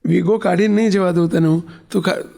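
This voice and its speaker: A brusque male doctor scolds a feverish boy and sets firm conditions, as a preacher puts him on. The voice is high with a gravelly rasp. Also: steady tone, brisk, mellow. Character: gruff no-nonsense male doctor.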